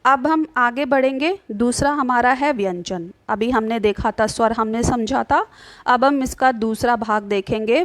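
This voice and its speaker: A woman teaches grammar in a slightly high voice, recorded close with no room sound. She poses questions and answers them herself, checking in often with the class. When she demonstrates vowel sounds, she draws them out slowly. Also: no echo. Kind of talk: explaining a grammar lesson.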